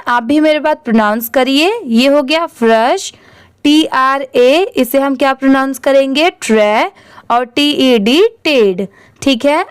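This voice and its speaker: A woman with a high, smooth voice teaches English reading, spelling every word out letter by letter and then saying it carefully. Her delivery is very slow. The sound is dry and close. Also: no echo. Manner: spells words letter by letter in Hindi, then says them slowly. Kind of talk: spelling out and reading English words slowly for learners.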